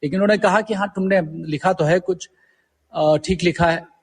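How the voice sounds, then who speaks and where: Speaking at normal speed with a high-pitched voice, a middle-aged man from India appears as an interview guest. He looks back on the past through stories, dropping English words into his Hindi.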